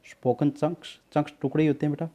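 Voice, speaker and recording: A man's voice: fairly high pitch, fairly even intonation, fast, warm tone, highs cut off. A man teaching a spelling lesson, patiently explaining words, repeating them, spelling them out letter by letter and calling his students beta. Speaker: tutor.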